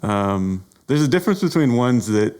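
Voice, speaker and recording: A man's voice: medium pitch, big pitch swings, moderate pace, a little mellow, clean tone. A man co-hosting a film podcast, making wry, teasing remarks in a casual chat. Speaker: podcast co-host.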